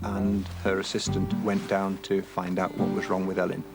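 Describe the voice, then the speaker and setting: A man's voice: deep voice, completely flat delivery, normal speed, gravelly. A man speaking as a mountain rescuer, recounting events for a children's documentary. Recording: loud music behind.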